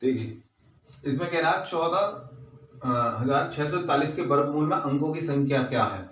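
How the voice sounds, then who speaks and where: A man's voice: on the high side, expressive, normal speed, fairly bright tone, recorded from a distance. Patient man explaining maths, echoey room. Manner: patient, step-by-step explaining with repeated rhetorical questions. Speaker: maths teacher. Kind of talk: exam-paper maths lesson. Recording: roomy echo, voice off-mic.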